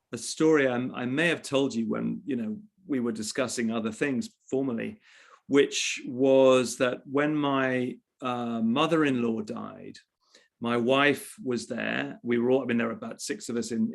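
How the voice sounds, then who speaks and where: In this conversational storytelling, a man from England recounts something personal with reflection, frequently starting sentences over. He's a journalist and author appearing as an interview guest. Medium in pitch with fairly even intonation, his gravelly voice moves a little slowly.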